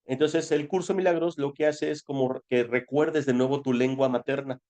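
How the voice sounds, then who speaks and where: Speaking in a mid-range, slightly mellow voice with fairly even intonation and a moderate pace, a man with a Mexican Spanish accent explains spiritual ideas informally. He talks like a teacher, keeping it conversational and answering his own rhetorical questions.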